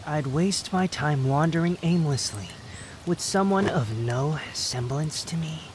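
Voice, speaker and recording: A man playing a prideful, sharp-tongued puppet wanderer with a secret fondness, speaking to the listener in a roleplay audio drama, haughty and unhurried. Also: a little high, background noise, natural voice. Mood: wry, confessing.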